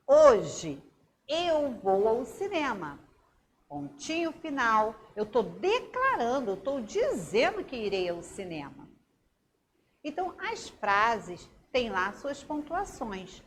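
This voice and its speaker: A Brazilian woman teacher talks to young pupils in a slightly high, very animated voice. She takes her time, drawing out words and acting out example sentences with big rises and falls. A faint background hiss sits under the recording. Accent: Brazilian Portuguese. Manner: expressive and sing-song, reading examples aloud with dramatic intonation. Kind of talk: recorded online class for young children.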